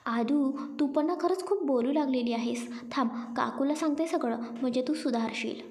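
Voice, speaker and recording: A woman's voice: sits high, normal speed, darkish tone. A woman voicing a bashful young bride who gets irritated at teasing. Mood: flustered.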